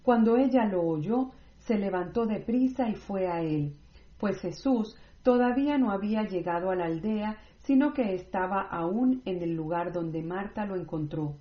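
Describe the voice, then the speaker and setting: A woman reading scripture aloud in a measured, scripted way, with no commentary. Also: mid-range voice. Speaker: Bible reader. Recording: roomy, slightly dull recording.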